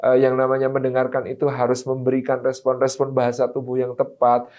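A man giving a relaxed, humorous religious talk about marriage, chatting with his listeners and acting out bits of dialogue. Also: mid-range voice, a little fast, dull audio. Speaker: Islamic preacher. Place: study gathering.

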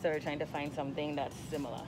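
Low-pitched Virgin Islands woman, chatting. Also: fairly even intonation, very fast, music in the background. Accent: Crucian, US Virgin Islands. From St. Croix, US Virgin Islands. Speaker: vlogger. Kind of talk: casual vlog chat. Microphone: phone at arm's length. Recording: noisy handheld phone recording.

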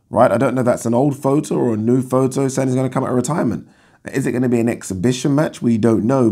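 A man in his thirties with a croaky, just-woken voice, giving casual commentary to camera in a conversational way. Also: on the low side, mellow. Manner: conversational, rhetorical questions with 'right?' tags. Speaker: boxing talk show host. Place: indoors, small furnished room.

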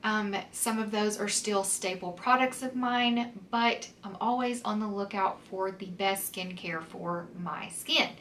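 At home in winter with snow outside, a woman beauty vlogger reviews skincare in a chatty, casual way, full of "um"s and "like"s, and sounds a little stuffy and sniffly from a cold. Her mid-range, slightly bright voice keeps a measured pace with hardly any pauses. The mic is distant, with slight background noise.

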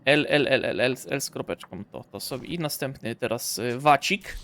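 A man's voice: mid-range voice, moderate pace, fairly bright tone. A young man giving playful let's-play commentary, joking and talking to the corpse and the game as he plays. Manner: jokey, talks to the corpse and the game. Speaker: gamer streamer.

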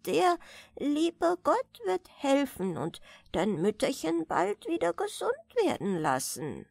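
Woman doing a gentle old spinster, slow and soft-spoken, storybook. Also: high voice, wildly swooping pitch, creaky, no echo, studio quality, voice pushed up, heavily acted. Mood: tender. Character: frail, kindly old spinster, tender and grateful.

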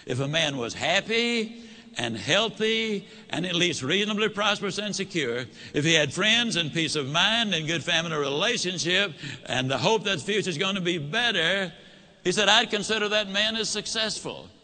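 A man's voice: high-pitched, expressive, moderate pace, pushed and bright. A man giving a motivational talk, telling a story and acting out both sides of a conversation. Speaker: motivational speaker.

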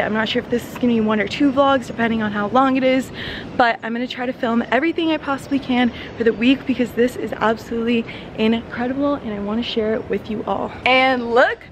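This is a casual vlog in which a young woman shows off a holiday villa's interiors and open terraces, filming herself with her phone at arm's length. The travel vlogger chats eagerly, using "like" again and again, in a slightly high voice. Background noise can be heard.

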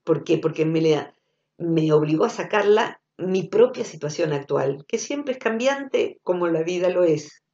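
A woman with an Argentine accent giving a reflective spoken talk, thoughtful and intimate, sometimes dropping to soft murmurs. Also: fairly low pitch, lively intonation, measured pace, roomy sound. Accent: Argentine Spanish. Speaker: speaker giving a recorded talk, former psychotherapist. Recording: dull lo-fi audio.

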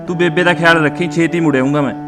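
An actor playing a young Punjabi man who quickly soothes his crying mother and grandmother before going abroad, with music under the dialogue. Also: fairly high pitch, steady tone, lightly acted. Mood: reassuring.

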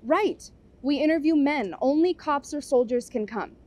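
A woman's voice: high-pitched, lively intonation, normal speed, a little mellow, pitched above the performer's own voice. A woman voicing a determined young village woman who leads her friends, speaking in an earnest, rallying way.

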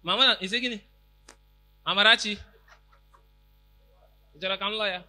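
A young Nigerian-accented comedy host, speaking a bit fast in a high, steady voice, playfully ribs a guest in pidgin, breaking into loud bursts. He holds a handheld mic on stage inside a big tented event hall.

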